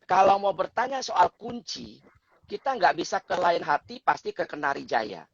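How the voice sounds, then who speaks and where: A male expert lectures in an explanatory way and sometimes acts out example phrases. His voice is gravelly and somewhat high. The lo-fi recording sounds dull. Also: very animated, moderate pace, a crowd in the background. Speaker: guest expert on communication. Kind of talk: explanatory talk show chat.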